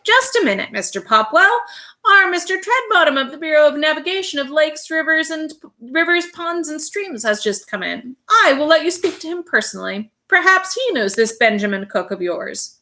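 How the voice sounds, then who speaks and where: A woman doing a shrill, fussy phone clerk. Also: very animated, normal speed, bright, forceful tone, exaggerated voice. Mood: prim. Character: fussy high-voiced male city hall phone clerk.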